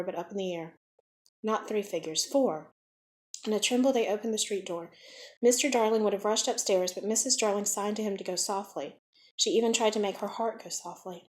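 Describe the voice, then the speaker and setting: A woman reads a classic children's novel aloud with lively, expressive narration. Her voice sits in an ordinary middle range for a woman, and she shapes each sentence with care. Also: medium pitch. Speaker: audiobook reader. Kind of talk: storybook narration.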